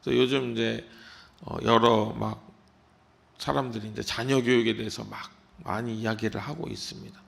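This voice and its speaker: A man preaching at a dawn service, talking to his congregation like he is chatting with them. His voice is heavily gravelly and creaky at a middle pitch. Now and then he slips into a parent's scolding tone to make his point. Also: steady tone, normal speed. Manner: conversational, acts out parents' scolding lines. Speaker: pastor. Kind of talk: early-morning sermon.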